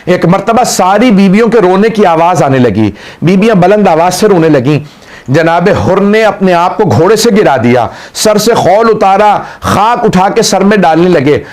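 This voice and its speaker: High-voiced man preaching an impassioned mourning sermon. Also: animated, a little mellow. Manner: impassioned, emotional storytelling that climbs into drawn-out wailing cries; ends in a chanted closing prayer. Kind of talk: mourning sermon narrating a martyrdom story.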